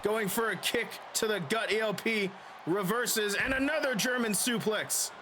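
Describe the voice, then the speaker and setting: A high-voiced man works as an excitable wrestling commentator. He calls the action play-by-play, pushing into shouts and drawn-out words for the big moves. There is clear noise behind his voice.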